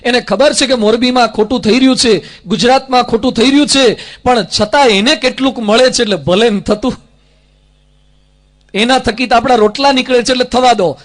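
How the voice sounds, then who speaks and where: A man's voice: very high-pitched, fairly quick, fairly bright tone. A middle-aged man with a Gujarati accent, a monk giving a sermon, who tells stories and acts out the dialogue between the characters in them. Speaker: monk and preacher.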